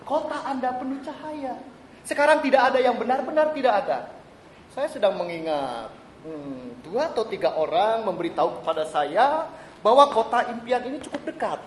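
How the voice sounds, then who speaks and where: A man's voice: extremely high pitch, lively intonation, moderate pace, a little hiss or hum. A man playing a timid, apologetic middle-aged visitor on stage. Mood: deferential. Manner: deferential, addresses the other as sir, hesitant restarts. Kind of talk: stage play acting. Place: small theatre stage. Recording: roomy live stage recording.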